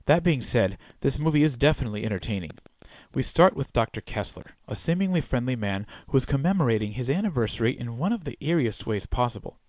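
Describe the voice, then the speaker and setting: A man's voice: mid-range voice, darkish tone, dry recording. A man narrating a scripted film review as the reviewer, in a wry, opinionated way.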